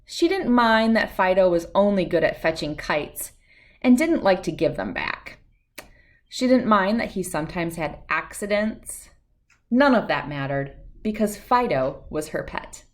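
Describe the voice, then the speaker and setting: Speaking slowly in a mid-range voice, a woman gives an expressive storytelling reading of a children's picture book.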